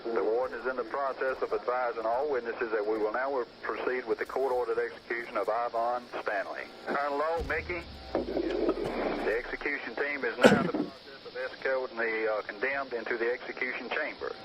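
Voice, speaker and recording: Guy on a hissy old archive tape, calm methodical prison official reading out each step, flat matter-of-fact delivery. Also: mid-range voice, brisk. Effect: old archival audio recording. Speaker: prison official relaying an execution. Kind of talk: procedural live report.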